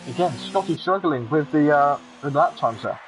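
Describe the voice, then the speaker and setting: Excitable commentator calling a sim race over loud car engine noise. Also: male voice, a little high, normal speed, rough recording. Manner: excitable, chatty with jokey asides. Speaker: sim racing league commentator. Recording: game engine noise under the voice. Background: racing car engine sounds from the game.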